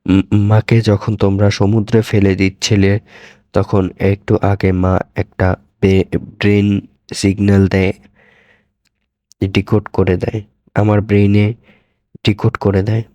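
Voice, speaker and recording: A cold, machine-like young woman, as a male storyteller puts her on, stammering out each syllable with slow, mechanical care. Her voice sits low and close, with a dry, deadened sound in a horror audio story. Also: monotone, dark tone, no room sound, dull audio, natural voice. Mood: soft, halting.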